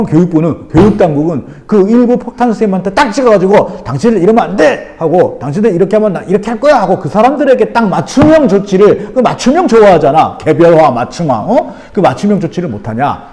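A middle-aged man talks bluntly to his audience in casual spoken commentary, firing off rhetorical questions. His voice sits high for a man, with a mellow, dark tone, and it swoops up and down a lot. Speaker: teacher and channel host.

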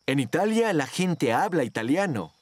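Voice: mid-range voice, sing-song, moderate pace, no room sound. A performer narrating a scripted children's cartoon as its storyteller. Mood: storytelling.

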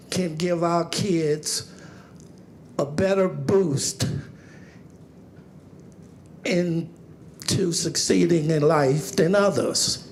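A man speaking as a new councilman, giving a plain-spoken public speech in short, halting phrases. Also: a little high, darkish tone, slight background noise. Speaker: newly sworn city councilman.

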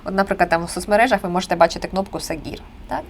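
A woman in her thirties teaching Spanish grammar in an online lesson. She explains step by step and stresses key words with a lively voice. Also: on the low side, very fast, a little hiss or hum. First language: Ukrainian.

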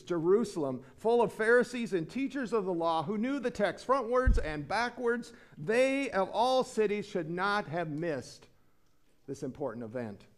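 Earnest higher-voiced male preacher. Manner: earnest preaching, rising for emphasis then dropping low. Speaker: pastor. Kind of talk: sermon. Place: church sanctuary.

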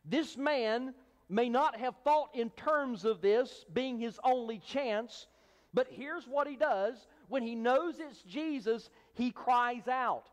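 High-voiced man preaching in a church, big echo all around, really emphatic. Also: takes it slowly. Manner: emphatic preaching, acts out the crowd's hushing in a raised voice. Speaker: pastor. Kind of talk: sermon. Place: church sanctuary.

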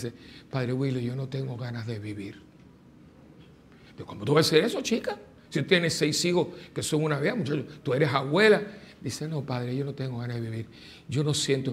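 A man's voice: fairly high pitch, slight background noise. An older man, a parish priest, preaching a sermon, telling stories and then exhorting the congregation. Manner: animated, rising to forceful exhortation. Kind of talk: sermon with storytelling. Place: church.

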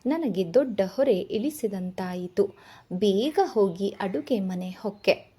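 A woman reads a novel aloud as first-person narration, slow and measured. Her voice is mellow and husky. She takes her time over each line. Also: mid-range voice, animated. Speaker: storyteller reading a novel.

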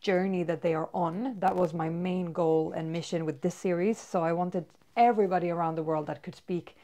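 Chatty and upbeat with many fillers, a Swedish fitness vlogger in her thirties talks casually to a camera some distance away in a bedroom with toys. She has a Swedish accent and a mellow voice on the low side, steady in tone and moderate in pace.

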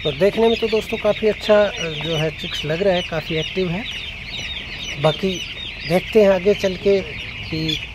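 A man's voice: sits high, moderate pace, background noise. A young man chatting casually to a phone camera inside a poultry shed, explaining his setup with frequent hesitations. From Haryana, India. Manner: conversational, explanatory, many hesitations. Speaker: poultry farmer vlogger. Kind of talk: casual farm vlog talk to camera. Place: large indoor poultry shed with chicks. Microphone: phone camera held close or at arm's length. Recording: phone video with clear chick chirping behind.

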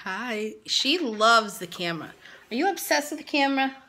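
Holding her phone out at arm's length, a woman in her thirties vlogs about motherhood from her tiled living room, talking loosely and filling gaps with "um" and "like." She speaks at a normal pace in a slightly high, sing-song voice that sounds pushed and bright.

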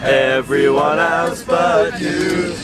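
A man's voice: fairly high pitch, fairly even intonation, very slow. A teenage boy, singing along to pop songs and bantering with his mates on a crowded coach. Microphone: phone camera. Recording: loud phone video over music and crowd. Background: music and a crowd of lads chattering.

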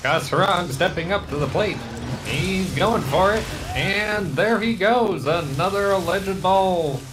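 A man putting on the voice of an old-timey radio baseball announcer, drawn-out and showy. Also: high-pitched, noisy background, voice pushed up. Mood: hyped.

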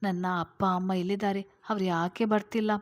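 A woman's voice: mid-range voice, flat delivery, moderate pace, dry recording, studio quality, lightly acted. A woman voicing an injured young woman pleading in pain in a spoken story. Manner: pleading, weak.

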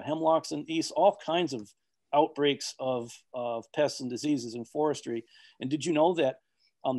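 A man's voice: on the high side, a little mellow. Rambling male panelist on a call. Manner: rambling, many fillers and restarts. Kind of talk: online expert panel talk.

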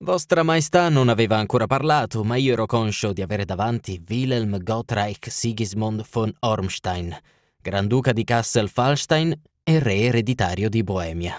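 An Italian man reading an audiobook, voicing a languid, sharp-witted detective with a dry, clipped manner. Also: fairly low pitch, moderate pace, dry recording, close to an everyday voice.

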